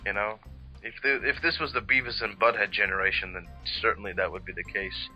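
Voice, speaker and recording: A man's voice: lowish voice, fairly even intonation, a little fast, pushed and bright, muffled recording, soft background music. A young adult man co-hosting a let's play with joking, sweary casual banter.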